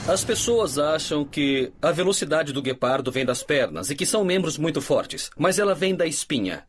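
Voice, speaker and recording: A man's voice: on the high side, animated, moderate pace, a little hiss or hum. A man with a Brazilian accent giving explanatory expert commentary for a documentary. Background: faint music.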